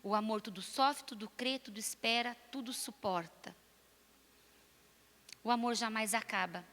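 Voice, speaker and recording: A Brazilian woman pastor preaching a lively sermon and addressing her listeners directly. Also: a little high, measured pace, in a large hall. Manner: animated, lively preaching with asides to the audience.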